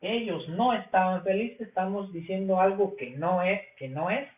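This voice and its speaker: High-voiced Mexican man teaching English grammar. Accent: Mexican Spanish. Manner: slow, repetitive explaining. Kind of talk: recorded grammar lesson. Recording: echoey, phone-like lo-fi sound.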